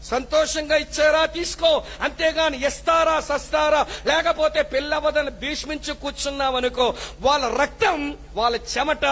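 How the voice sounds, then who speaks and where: Very high-pitched impassioned male preacher. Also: steady tone, normal speed, gravelly. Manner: impassioned, scolding, shifts between shouting and hushed warnings. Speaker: pastor. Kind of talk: sermon.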